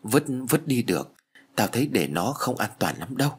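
A man voicing a nervous teenage boy who stammers and speaks in a hushed way. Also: lowish voice, big pitch swings, fast, husky, heavily acted.

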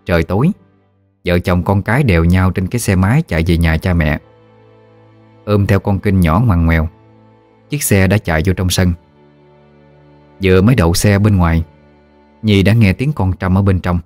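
A man narrates a ghost story in a steady, vivid telling. His voice is very low and deep. Faint music plays beneath him. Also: moderate pace, long pauses.

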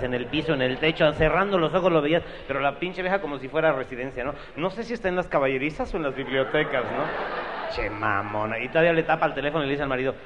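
A man with a Mexican accent telling a crude joke in stand-up style, profane and punchy, with constant asides, heard on a lo-fi recording with background noise. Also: medium pitch. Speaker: stand-up comedian.

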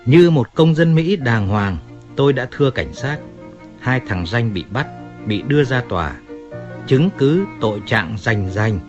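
A man's voice: mid-range voice, expressive, measured pace, a little mellow, lo-fi sound, lightly acted. A man reading as a pleading old undertaker. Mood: aggrieved. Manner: plaintive, deferential pleading. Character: aging Italian-American undertaker, pleading and self-pitying. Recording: faint music in background.

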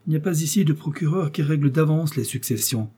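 A man's voice: a little high, fast, mellow, husky, pitched above the performer's own voice. A man reading a coolly mocking English lord. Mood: menacing. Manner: sardonic, coolly menacing. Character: cold, mocking English lord, middle-aged.

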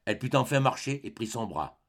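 A man's voice: medium pitch, expressive, fairly quick. A man narrating a classic novel as an audiobook, reading expressively. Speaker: audiobook reader.

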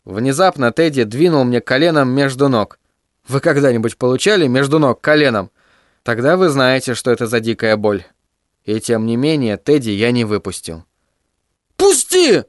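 A middle-aged man narrating an audiobook in a vivid, expressive storytelling manner. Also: medium pitch, moderate pace, dry recording, studio quality.

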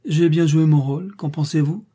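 A man reading the part of a brooding, masterful middle-aged nobleman in an audiobook, measured and teasing. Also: a little high, steady tone, warm tone, slightly rough, voice pushed up. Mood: bantering.

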